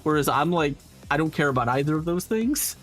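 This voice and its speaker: A man's voice: on the high side, lively intonation, brisk, fairly bright tone, soft background music. A man from New York, an illustrator, chatting casually and thinking aloud on a live stream.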